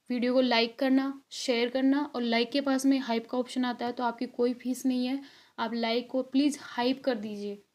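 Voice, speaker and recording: A woman's voice: on the high side, darkish tone. A young woman teaching an exam-prep video lesson, chatty and encouraging, checking often that her students follow. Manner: frequent check-ins and fillers.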